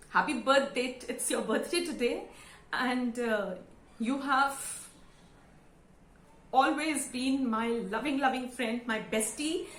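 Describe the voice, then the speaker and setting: A woman of about fifty with an Indian English accent, giving a sincere, emotional thank-you speech to camera with halting fillers. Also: high voice, a little hiss or hum. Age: around 50. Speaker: vlogger and school teacher. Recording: roomy echo.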